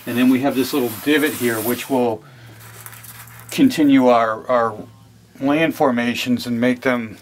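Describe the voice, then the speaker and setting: A man speaks slightly slowly at medium pitch with fairly even intonation, casually narrating a step-by-step model railroad how-to as he works on his layout. He's a hobbyist in his hobby room who repeats himself as he explains, and a faint hiss or hum can be heard.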